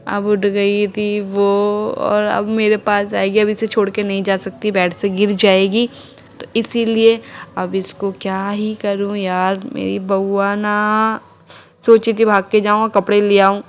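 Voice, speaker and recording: A woman's voice: medium pitch, flat delivery, measured pace. A young woman from India, narrating her day at home casually to viewers while minding her baby. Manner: chatty, homely, talks to viewers and baby. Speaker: vlogger mother. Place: home indoors.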